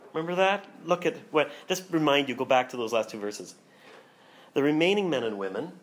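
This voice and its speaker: A man, a pastor, preaching a sermon and reading scripture aloud with slow, dramatic emphasis. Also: a little high. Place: church hall.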